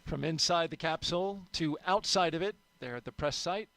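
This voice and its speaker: A man's voice: fairly high pitch, moderate pace, fairly bright tone, dry recording. A man giving upbeat, chatty live commentary as a launch broadcast host.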